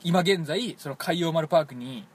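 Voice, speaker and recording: A man from Toyama with a Toyama dialect, telling a rambling, animated story as a radio show co-host in casual chat. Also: fairly high pitch, normal speed, slight background noise. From Toyama, Japan. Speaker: podcast co-host.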